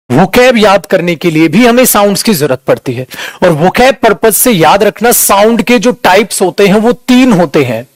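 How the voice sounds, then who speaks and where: A man with a high voice, caught close and dry on the mic, gives an online English lesson. He talks to his students familiarly and stretches out words to show how they sound. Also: no room sound. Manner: addresses students as beta and dear, demonstrates pronunciation. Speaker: English teacher. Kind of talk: online class lecture.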